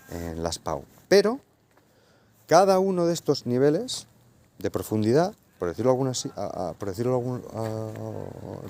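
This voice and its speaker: A Spanish man with a low, mellow voice lectures on philosophy to his students. He searches for words aloud, stumbling and restarting, and keeps checking that the class is following him. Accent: Spain Spanish. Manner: hesitant, many fillers and restarts; explains patiently, checks in with "¿vale?". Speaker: philosophy teacher.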